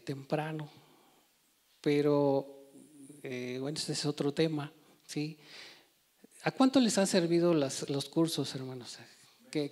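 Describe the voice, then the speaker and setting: Male preacher, emphatic sermon delivery, voice on the higher side. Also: a little mellow. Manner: emphatic with frequent rhetorical "¿sí?" and "hermanos". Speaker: church preacher.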